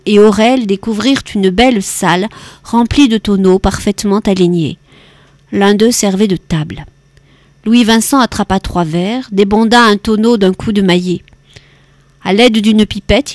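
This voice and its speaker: A woman narrating a detective novel in an even, measured way. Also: mid-range voice, no room sound. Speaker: audiobook narrator. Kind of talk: scripted narration.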